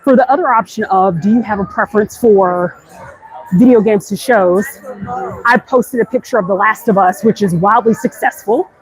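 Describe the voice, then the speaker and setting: With theme park crowds audible all around, an American woman hosts a walk-and-talk livestream, speaking casually and directly to viewers. She has a mid-range voice and a moderate pace, but the recording quality is poor.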